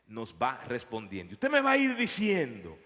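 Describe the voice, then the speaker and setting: Pastor, storytelling sermon, lively pitch, reverberant church hall. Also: male voice, normal speed. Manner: storytelling, animated, repeats words.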